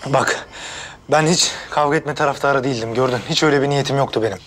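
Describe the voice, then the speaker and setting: An actor playing a hot-tempered young man who insists he is calm while he threatens people, in a TV drama. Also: medium pitch, fast talker, a little hiss or hum, lightly acted. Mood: blustering. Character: short-fused young man, blustering tough. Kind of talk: TV drama acting. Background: background music.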